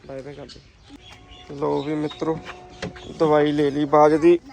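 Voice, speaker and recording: A man's voice: a little high, level tone, measured pace, creaky, a little mellow, slight background noise. A man from Punjab, India, chatting casually to his vlog viewers from inside a car and coaxing a small child to talk. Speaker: vlogger.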